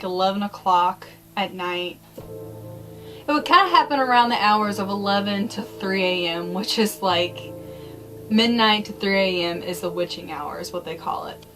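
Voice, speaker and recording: A woman's voice: medium pitch, low-quality recording. Casual woman vlogger over background music. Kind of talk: casual storytelling about eerie happenings.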